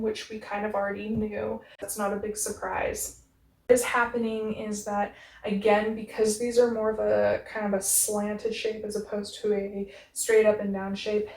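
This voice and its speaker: In a casual how-to vlog, an upbeat young woman chats about sorting her shoes in a small bedroom with shoe bins, noting that her voice booms; it sounds a little mellow. The camera mic captures her close, then from across the echoey room, with a bit of hiss or hum.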